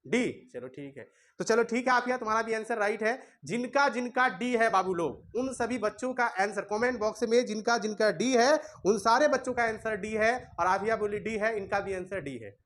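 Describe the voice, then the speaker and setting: A man's voice: sits high, normal speed, few pauses, fairly bright tone. Guy teaching class, chatty and scolding the kids. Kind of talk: classroom lesson. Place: classroom with students.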